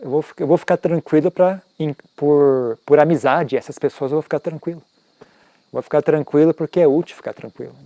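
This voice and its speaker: A man's voice: fairly high pitch, brisk, mellow, no echo. A man teaching Buddhism in an informal, conversational talk, often tagging his sentences with questions and making self-mocking asides.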